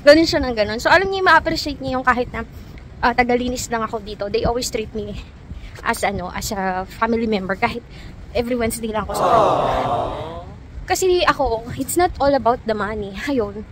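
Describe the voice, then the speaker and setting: A woman's voice: on the high side, a little fast, a little hiss or hum. A young Filipina woman vlogging in a chatty, storytelling way, laughing often as she talks to her viewers. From Philippines. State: sick, low and tired. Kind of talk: casual chat to viewers. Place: outdoors in cold weather.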